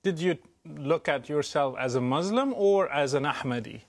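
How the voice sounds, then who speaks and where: A man's voice: on the high side, animated, moderate pace. A man hosting an interview, asking his guest questions in a formal on-air manner. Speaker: host.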